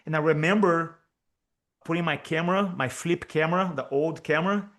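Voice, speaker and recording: A man with a fairly high, somewhat bright voice speaks at a moderate pace as a guest on a video call interview. Originally from Brazil and a native Portuguese speaker with a Brazilian Portuguese accent, he coaches speaking and talks energetically, stressing important points by repeating them.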